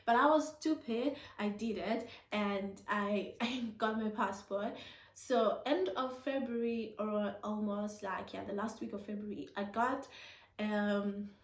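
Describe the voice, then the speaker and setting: A young woman from Zimbabwe tells a personal story in a casual, animated way, laughing often and acting out the dialogue. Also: mid-range voice, unhurried, distant mic. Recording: echoey room.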